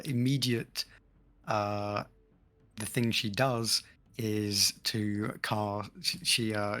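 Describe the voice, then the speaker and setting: A man with a fairly low voice plays a tabletop role-playing game. He describes actions off the cuff, haltingly, as he looks for the next word. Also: sharp tone. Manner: halting, searching for words.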